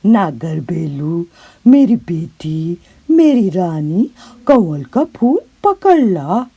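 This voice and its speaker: A woman doing a gentle old woodcutter father. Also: lowish voice, sing-song, extremely slow, breathy edge, dry recording, lo-fi sound, exaggerated voice. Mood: coaxing. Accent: Urdu. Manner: soft coaxing repeated endearments.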